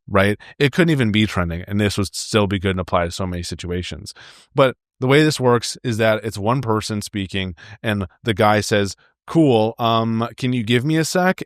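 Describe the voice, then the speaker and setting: A man's voice: on the low side, dry recording, studio quality. Upbeat man hosting a solo podcast. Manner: friendly, upbeat, speaks directly to listeners. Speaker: podcast host. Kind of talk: solo podcast advice talk.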